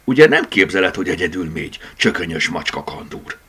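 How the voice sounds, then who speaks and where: A man's voice: sits low, expressive, fairly bright tone, slightly rough, heavily acted. A man doing a touchy anxious tomcat. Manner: anxious, quick-tempered. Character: proud, touchy male tomcat.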